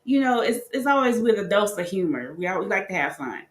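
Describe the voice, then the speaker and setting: A woman's voice: medium pitch, big pitch swings, brisk. A woman co-hosting a casual livestream, talking easily and backing up her partner. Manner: easygoing, backs up the host. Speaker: podcast co-host. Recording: roomy sound.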